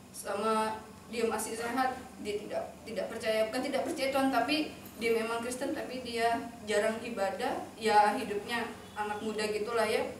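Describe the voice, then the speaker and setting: A woman speaks earnestly, telling a heartfelt testimony to a church gathering. Her voice sits a little high. She is heard from a distance in a very echoey hall, with steady background noise. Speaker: church member giving testimony. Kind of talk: personal testimony to a congregation. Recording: echoey hall, mic far off, noisy.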